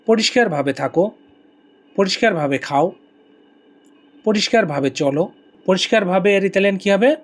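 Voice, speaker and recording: Bengali man drilling vocabulary, fairly high voice. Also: animated. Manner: repeats each word several times, slow drilling. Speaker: language teacher. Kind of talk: language lesson.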